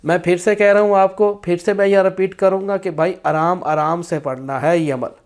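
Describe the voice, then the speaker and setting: A man explaining a spiritual practice in a firm instructional talk, with stretches of slow chanted recitation. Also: high-pitched, fairly even intonation, clear, resonant tone.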